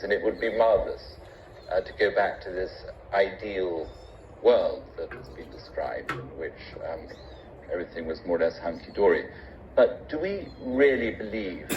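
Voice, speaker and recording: A man with a very low voice argues a point in a formal public discussion. He is measured and articulate, with some hesitation as he builds his case. The recording is muffled, with light background noise. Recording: dull, noisy recording with room ambience.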